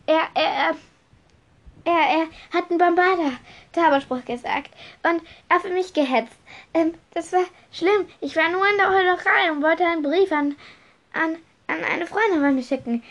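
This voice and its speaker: A woman's voice: on the high side, flat delivery, fairly quick, hardly any pauses, a little mellow, close to an everyday voice. A woman doing a whiny, stuttering wizard schoolboy. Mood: whining. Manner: stuttering, whining.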